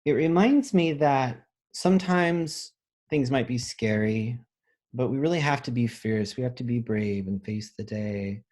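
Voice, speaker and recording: Here an elementary school teacher, a man, reads a picture book with feeling and pauses to give children simple explanations. His voice is mid-range with a darkish tone.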